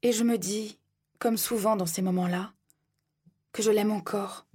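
A woman reading a first-person audiobook in a tense, hushed storytelling manner. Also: medium pitch, steady tone, measured pace, husky. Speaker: narrator.

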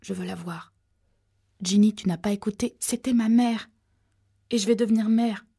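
A woman's voice: mid-range voice, normal speed, mellow, slightly rough. A woman reading an audiobook voices a desperate young pregnant woman, pleading urgently.

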